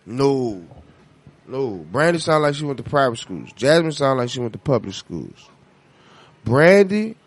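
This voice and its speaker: An American man in a casual, heated music debate, animated and argumentative, with slangy, profane talk. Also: mid-range voice, measured pace, dry recording.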